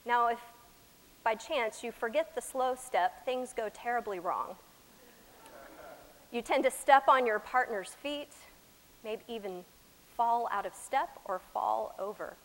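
A woman from Texas with an American accent preaching a sermon, with deliberate, emphatic phrasing, dramatic pauses and swings from loud to soft. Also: fairly high pitch. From Texas, United States. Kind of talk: sermon to a chapel congregation. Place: large chapel, speaking to a congregation. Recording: echoey hall with long reverb.

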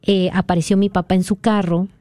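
A woman's voice: medium pitch, little pitch movement, brisk, mellow, no echo. A woman from Peru earnestly retelling a dream as a guest in a conversation. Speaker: guest sharing a testimony. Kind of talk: conversational storytelling.

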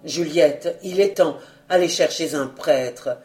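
A woman's voice: warm tone, faint music behind. A woman doing a grieving, bitter nobleman. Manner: slow, sorrowful, lowered voice.

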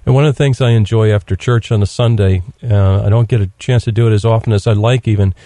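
Mellow low-voiced radio host. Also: male voice, fairly even intonation, quick pace, no room sound. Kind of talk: radio interview.

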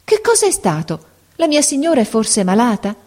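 A woman's voice: a little high, huge pitch swings, normal speed, a little mellow, voice pushed up. A woman doing a frightened young servant girl, pleading. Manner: pleading, anxious.

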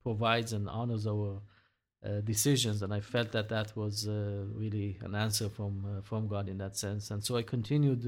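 A man's voice: fairly low pitch, a little mellow. Earnest middle-aged Israeli man. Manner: earnest, many "uh" pauses. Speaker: interview guest. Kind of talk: conversational interview.

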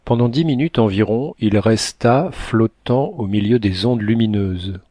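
A man narrating an adventure novel as a scripted audiobook, reading in a steady, measured way. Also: on the low side, no room sound.

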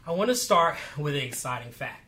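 A man hosting a podcast interview, giving measured, formal introductions and asking questions. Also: a little high, very animated, pushed and bright. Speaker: podcast host.

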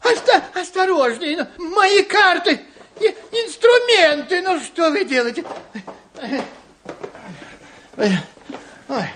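Flustered, swooping-voiced eccentric gentleman traveller. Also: very high voice, big pitch swings, takes it slowly, pauses often, slight background noise, exaggerated voice. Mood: flustered, bustling. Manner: effusive, flustered, stammering and chattering. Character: eccentric, absent-minded, talkative gentleman traveller, fussy and cheerful. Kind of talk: old radio show acting.

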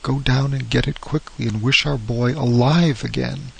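Storybook old mother, grief-mad and pleading; a man reads her in his own voice, raspy, flat delivery. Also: mid-range voice, moderate pace, low-quality recording. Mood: frantic. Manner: pleading, urgent, feverish. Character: frantic grieving old mother, wild with hope.

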